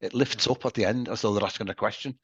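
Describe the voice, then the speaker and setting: A man hosting a casual interview, nodding along with steady yeah-yeahs. His voice comes through a dry, dull lo-fi recording. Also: on the low side, quick pace, breathy edge, dry recording. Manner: agreeable, frequent yeah-yeah backchannels. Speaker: interview host.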